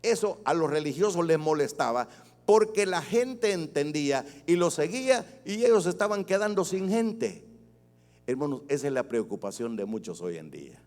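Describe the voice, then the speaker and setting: A middle-aged male pastor preaching an animated sermon in a church. He fires off rhetorical questions and swings between loud bursts and quiet asides. His voice rings with the long reverb of a church hall. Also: a little high, moderate pace.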